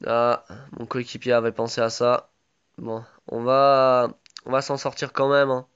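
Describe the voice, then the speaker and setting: A man's voice: medium pitch, flat delivery, a little slow, a bit bright, clean tone, lo-fi sound. A man with a sore throat giving casual live commentary on his own game, chatty and full of gamer slang.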